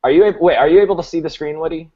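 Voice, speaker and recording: A man's voice: a little high, racing. A man hosting a live coding stream on a video call, talking casually and thinking aloud with restarts. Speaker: host. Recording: muffled lo-fi audio.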